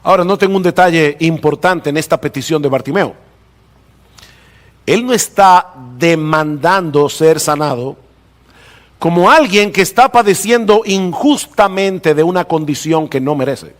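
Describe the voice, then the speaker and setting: Guy preaching a sermon, pretty high voice, big echoey church reverb, leans hard on the key words. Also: expressive. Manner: emphatic preaching, slows down and rises for stress. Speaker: pastor. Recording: long reverb of a hall.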